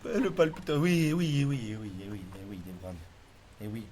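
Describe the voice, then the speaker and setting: A man live streaming in casual chat, loud and teasing with plenty of swearing banter. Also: medium pitch, sing-song, moderate pace, background noise.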